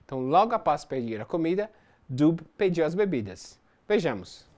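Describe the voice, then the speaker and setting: Course teacher, methodical explainer, animated intonation, mid pitch. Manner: explains step by step, reads English examples slowly. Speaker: English teacher. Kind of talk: recorded distance-learning lesson.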